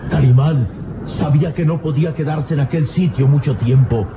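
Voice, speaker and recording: A man's voice: fairly high pitch, normal speed, background noise. A man narrating an old radio show with dramatic storytelling, heard on a dull lo-fi recording. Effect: old radio show sound, dull and lo-fi.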